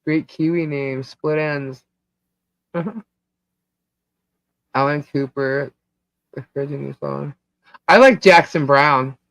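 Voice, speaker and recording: A woman's voice: low-pitched, steady tone, takes it slowly, creaky, long pauses, a bit bright, no echo. A woman from Long Island hosting a live stream in casual chat, rambling and laughing, her voice cutting out over a bad internet connection. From Long Island, New York. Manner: chatty, rambling, laughs often. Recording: dull, dry, lo-fi stream audio.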